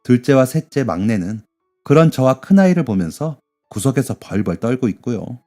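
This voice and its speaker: A man reading a listener's sad life story aloud in the first person, in a steady, mournful way. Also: mid-range voice, normal speed, soft background music.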